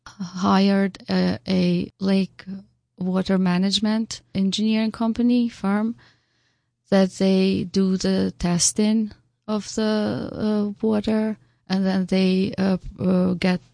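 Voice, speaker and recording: A woman from Albania with an Albanian accent, giving unscripted interview answers in a halting way, searching for words. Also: mid-range voice, little pitch movement, gravelly, mellow, dry recording. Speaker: interview guest, local artist.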